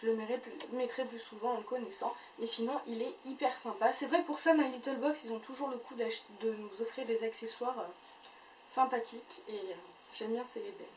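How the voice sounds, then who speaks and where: A woman's voice: a little high, steady tone, a little fast, darkish tone, reverberant. Woman rambling through a beauty box review, lots of euh, faint hiss in the back. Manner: chatty, full of fillers and restarts. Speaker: beauty vlogger. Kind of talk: casual unboxing review. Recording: voice a bit far from the mic, faint noise.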